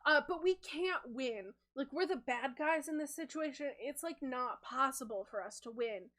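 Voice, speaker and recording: A woman's voice: high voice, lively intonation, moderate pace, fairly bright tone. Woman playing a self-aware seagull henchman. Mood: candid. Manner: exasperated, then frankly reasoning.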